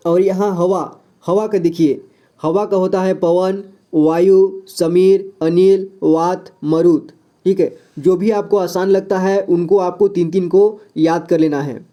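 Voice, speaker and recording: A man with a high voice and a very dark, mellow tone teaches a vocabulary lesson. He works slowly through lists of words and pauses often to check in with his students. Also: steady tone. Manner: repeats "ठीक है" after each point, slow and deliberate. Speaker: Hindi teacher. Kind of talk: classroom lesson listing words.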